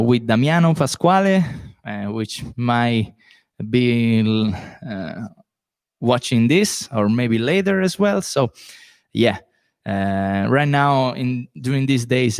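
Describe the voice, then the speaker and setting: A Roman man in his late twenties, a podcast host and musician with an Italian accent, runs a live solo Q&A stream. His medium-pitched voice is clear and resonant, captured at studio quality with no room sound. He's chatty, often searching for words and filling gaps with fillers.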